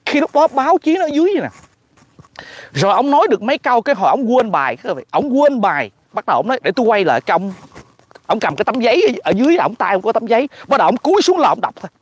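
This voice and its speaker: A man with a Southern Vietnamese accent gives casual political commentary in an animated, mocking, exclamatory way. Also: extremely high pitch, racing, breathy edge, no room sound.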